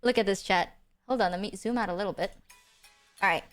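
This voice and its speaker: Fairly quick and fairly bright, a mid-range female voice chats with viewers over soft background music. The streamer host keeps things casual, cute and playful with teasing anime-streamer flair, giggly and exclamatory.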